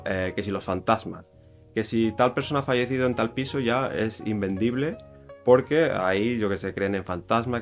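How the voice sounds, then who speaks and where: A man with a Spain Spanish accent, casually explaining a cultural topic in a rambling way, full of fillers and self-corrections. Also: on the low side. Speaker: YouTuber explaining Japanese culture.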